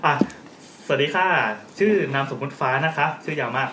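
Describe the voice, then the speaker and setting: Male podcast host, brisk and playful, higher-pitched, echoey room recording. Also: sharp tone, slight background noise. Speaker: podcast host reading listener stories. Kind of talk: casual live chat, reading letters aloud.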